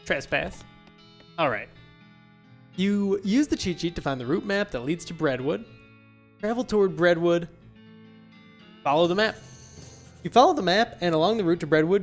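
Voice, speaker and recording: A man playing a video game, reading its text aloud with wry, deadpan asides. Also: high-pitched. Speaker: let's player.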